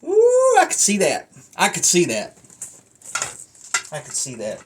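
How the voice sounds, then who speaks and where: This man's high voice swings hugely in pitch, and he takes his time. He's casually rambling through a hobby review, folksy and self-deprecating with some cursing, recorded on a noisy phone held at a distance.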